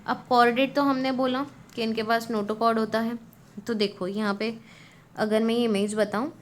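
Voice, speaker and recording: A woman teacher gives a lively lecture and acts out little story scenes to help students remember names. Her voice sits a little high. A faint steady hum runs under the recording. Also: a little slow. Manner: explains a memory trick, acting out a little story. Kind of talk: Hinglish classroom lecture.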